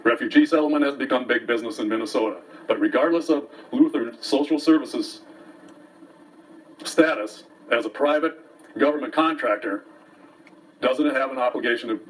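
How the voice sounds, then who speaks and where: A man's voice: medium pitch, fairly quick. A man hosting a local commentary show, giving an opinionated, folksy, aggrieved monologue to viewers, sometimes reading from papers. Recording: distant mic, faint background noise.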